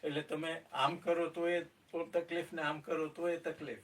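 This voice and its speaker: A man's voice: on the high side, flat delivery, unhurried, a bit bright. A man asking a question in a Q&A, telling a personal story hesitantly with many fillers and some English phrases. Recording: distant mic with faint background noise.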